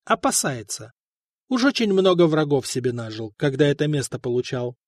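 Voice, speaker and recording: A man's voice: a little high, sing-song, normal speed, no room sound, clean studio sound. A man voicing a sly male court notary who talks with false, sarcastic sympathy.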